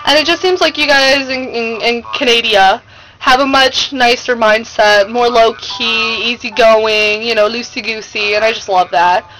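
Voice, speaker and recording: Casting: American female vlogger, high voice, gushing and slangy, informal monologue over music. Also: a little slow, fairly bright tone, rough recording. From United States. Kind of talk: casual chatty vlog monologue. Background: music playing.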